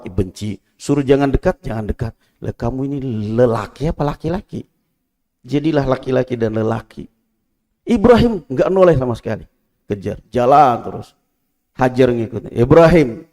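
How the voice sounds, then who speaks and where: A man preaching a sermon, swinging from loud, high exclamations to low, quiet asides. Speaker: Islamic preacher. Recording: long hall reverb.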